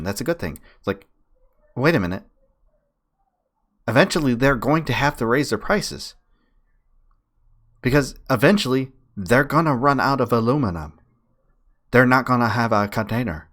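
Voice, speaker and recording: A streamer and debater with a medium-pitched, slightly bright voice argues casually but emphatically. He repeats his points as he would in an online debate.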